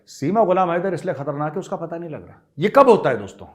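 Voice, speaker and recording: A man's voice: fairly high pitch, animated, fast talker. A middle-aged man giving emphatic political commentary, talking straight to his viewers and repeating his points for emphasis. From India.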